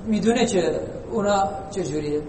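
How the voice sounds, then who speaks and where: Conversational and teasing, this preacher leads a congregation in an informal religious lesson filled with jokes and rhetorical questions. His voice is high and a little mellow, captured by a distant mic in an echoey hall with faint noise.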